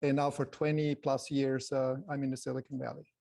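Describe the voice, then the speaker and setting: With a level, mid-range voice and some vocal fry, a soft-voiced man from Switzerland presents an informal photography talk to a group. His Swiss-accented speech comes haltingly, broken by frequent pauses.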